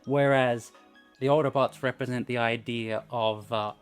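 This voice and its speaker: A man co-hosts with casual, analytical commentary. He speaks haltingly at a middling pitch, thinking aloud over faint music. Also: steady tone, clear, resonant tone. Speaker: co-host commenting on a comic.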